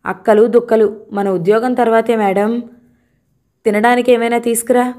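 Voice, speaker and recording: A woman's voice: a little high, fairly even intonation, moderate pace, darkish tone, close to an everyday voice. A woman voicing a curt, teasing young husband in a novel reading. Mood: grumbling. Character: grumbling young husband, office-bound.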